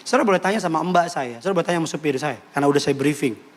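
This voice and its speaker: High-voiced, playful preacher. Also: male voice, racing. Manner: playful, animated storytelling with acted quotes. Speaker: pastor. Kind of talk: lively sermon with comic asides.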